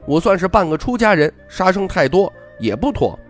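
A naive little girl who fancies herself a heroine, chirpy and blunt, as a man reads her part. Her voice sits high and bounces lively from word to word. Faint music plays under the storybook reading. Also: moderate pace. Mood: matter-of-fact. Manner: chirpy, blunt, playfully bossy.

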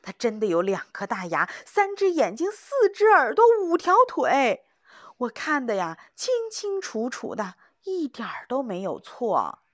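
A woman voicing a frightened, panicky young male hunter who pleads in high, breathless cries. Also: big pitch swings, normal speed, dry recording, clean studio sound. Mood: panicked.

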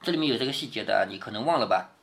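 A man's voice: lowish voice, animated, racing, creaky, a bit bright. A man with a Changzhou accent reading a classic novel aloud to his daughter, stopping to explain passages and asking whether she follows. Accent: Changzhou Wu-accented Mandarin. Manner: explains passages, often adds tag questions to check understanding.

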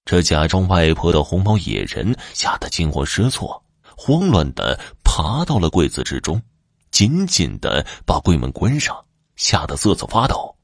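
A man telling a folk tale in a measured, dramatic storytelling manner. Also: low voice, huge pitch swings, vocal fry, dry recording, clean studio sound.

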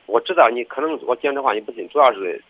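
A man's voice: mid-range voice, expressive, very fast, no room sound. A man calling in to a radio advice show, explaining himself hurriedly and defensively. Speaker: caller. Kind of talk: phone-in call to a radio show. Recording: tinny phone line.

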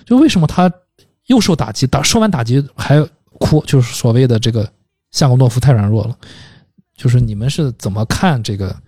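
A man's voice: medium pitch, lively intonation, a little fast, mellow, husky, no room sound, clean studio sound. A man hosting a casual podcast about films, talking in thoughtful, rambling runs with hesitations. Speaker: podcast host. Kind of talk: casual film discussion.

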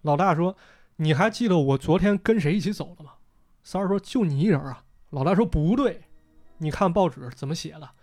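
A man's voice: a little high, expressive, brisk, darkish tone, soft background music. A man hosting a podcast, casually retelling a story and voicing the characters' lines as he goes. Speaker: podcast host.

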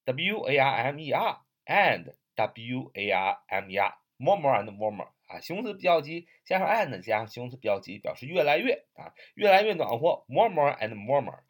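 Man, grammar teacher, very animated intonation, spells out words letter by letter. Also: mid-range voice, moderate pace, hardly any pauses. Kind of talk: explaining lesson to viewers.

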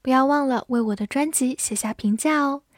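A woman teaching English vocabulary and grammar, reading example sentences slowly and carefully. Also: high voice, dry recording, clean studio sound. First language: Chinese. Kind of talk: scripted English lesson.

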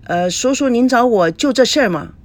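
A woman's voice: fairly high pitch, expressive, a little fast, no echo, voice pushed up, natural voice. A woman voicing a hesitant, weary young man. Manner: hesitant, polite. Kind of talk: novel reading.

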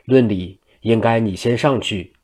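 A frank, quick-witted young woman who argues with proverbs, voiced by a man reading a storybook aloud. The voice stays low and close to the storyteller's own. She sounds plainly reasoned rather than sweet. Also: warm tone. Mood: reasoning.

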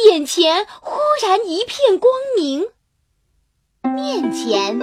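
A woman narrating a children's fairy tale in a slow, sing-song, expressive way. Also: very high voice. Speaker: storyteller. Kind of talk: scripted children's story narration. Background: loud children's music.

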